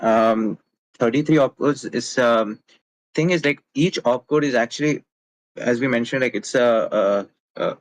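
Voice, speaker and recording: A man with a medium-pitched voice presents his project as a mentee in a casual online meeting, answering technical questions hesitantly with lots of fillers and restarts. The audio quality is poor.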